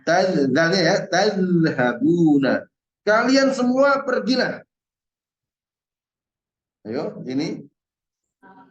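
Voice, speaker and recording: A male teacher in an online Arabic lesson, patiently drilling verb forms and repeating each word slowly. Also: high-pitched, big pitch swings. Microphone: video call. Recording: roomy and dull-sounding.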